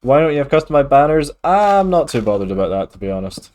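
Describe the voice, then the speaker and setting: Reading and responding to his viewers' chat during a casual gaming stream, a mildly accented man from Scotland talks at a quick pace in a medium-pitched voice, relaxed and full of fillers.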